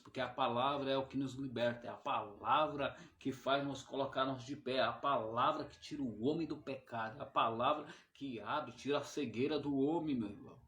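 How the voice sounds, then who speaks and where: Fiery Brazilian preacher in an echoey room. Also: male voice, mid-range voice. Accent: Brazilian Portuguese. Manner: emphatic, swings loud then drops soft on "my brother" tags. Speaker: evangelist preacher. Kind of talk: fiery sermon. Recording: roomy echoey sound.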